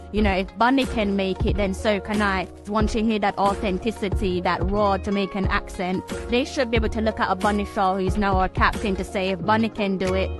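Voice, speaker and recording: A woman speaking in an earnest, flowing way at a mid-range pitch. Music plays clearly behind her voice throughout.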